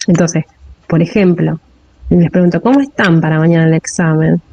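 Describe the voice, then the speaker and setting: A woman's voice: low-pitched, normal speed, mellow, no echo, dull audio. A woman with a Rioplatense Spanish accent giving a classroom lecture on linguistics, often checking in with a rising "¿sí?". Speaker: teacher.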